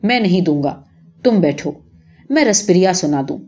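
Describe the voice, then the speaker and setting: A woman voicing an old male village drummer, proud and easily wounded, who swings between gentle coaxing and sudden anger. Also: medium pitch, very animated. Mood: hurt.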